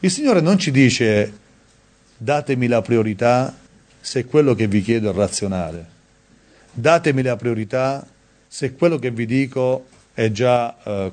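A man preaching a sermon in a conversational way, reading scripture aloud and stressing key words with sudden high emphasis. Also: measured pace, a little mellow.

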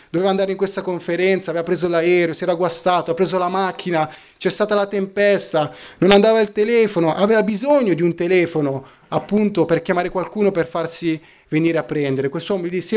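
A man with a darkish tone preaches a sermon, telling a story and reading scripture aloud. He slows down and drops his voice low for emphasis.

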